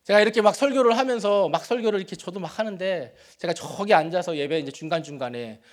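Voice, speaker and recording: A middle-aged male pastor preaches in a church sanctuary, telling conversational, self-deprecating stories about his own family. His high-sitting voice moves quickly, swinging between loud, emphatic build-ups and soft, confiding murmurs.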